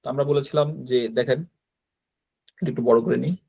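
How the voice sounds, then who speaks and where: A Japanese language teacher with a Bangladeshi Bengali accent runs an online class for beginners while sharing his screen. His mid-range voice is fast, fairly even, a little mellow, and free of room sound, and he explains patiently, often checking in with "right?"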